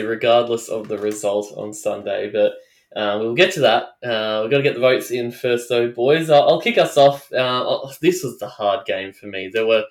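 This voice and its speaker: An Australian man co-hosts a relaxed sports podcast, pausing and restarting as he works through his thoughts. His voice sits at an ordinary pitch. The room around him is echoey. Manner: hesitant, thinking aloud, leads the segment. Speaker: podcast co-host. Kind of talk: casual sports chat. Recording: roomy echo.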